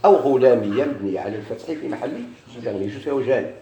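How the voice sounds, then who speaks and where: Brief: Moroccan-accented male grammar teacher, quick delivery, quizzes himself aloud, echoey room. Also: mid-range voice, lively intonation, dark tone. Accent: Moroccan Arabic. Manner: poses questions and answers them himself. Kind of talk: classroom grammar lesson.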